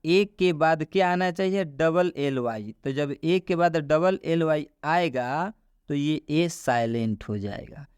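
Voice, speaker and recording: A man's voice: on the high side, takes it slowly, clean tone, no echo, clean studio sound. A man teaching English pronunciation rules, repeating each rule and quizzing the listener. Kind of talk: classroom-style explanation.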